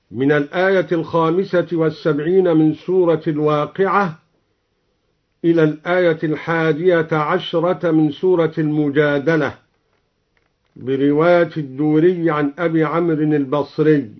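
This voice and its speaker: A man in a formal explanation of reading variants, speaking deliberately and chanting the verses he quotes. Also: on the high side, fairly even intonation. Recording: dull lo-fi old radio recording.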